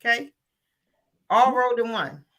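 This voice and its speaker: A woman's voice: fairly high pitch, lively intonation, unhurried, a bit bright. An American woman co-hosting a casual chat in a playful, teasing manner. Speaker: co-host.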